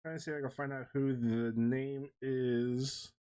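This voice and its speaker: A man's voice: mid-range voice, fairly even intonation, unhurried, mellow, clean tone. A male game streamer giving casual commentary, muttering asides and reading on-screen text aloud.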